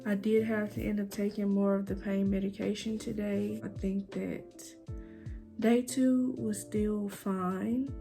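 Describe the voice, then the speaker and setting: A woman's voice: medium pitch, little pitch movement, unhurried, creaky, dark tone, faint music behind. A young woman chatting informally in a casual vlog, talking straight to her viewers as the host. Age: young adult. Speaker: vlogger. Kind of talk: casual vlog chat to camera.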